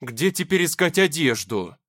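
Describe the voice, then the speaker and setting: A man's voice: on the high side, expressive, moderate pace, fairly bright tone, dry recording, pitched above the performer's own voice. A man playing a sardonic young guy. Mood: wry. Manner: dry sarcastic.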